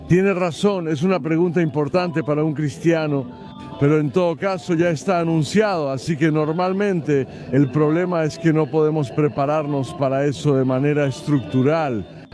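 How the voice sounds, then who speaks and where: A man answers a street interviewer in a measured, hesitant way, pausing to search for his words. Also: on the high side, warm tone.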